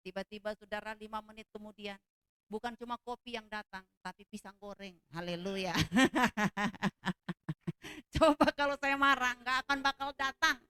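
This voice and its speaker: Bright, loud-talking woman pastor. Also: medium pitch, a little slow, clear, resonant tone, dry recording. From outside Java. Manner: loud, animated storytelling with frequent "hallelujah". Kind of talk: sermon.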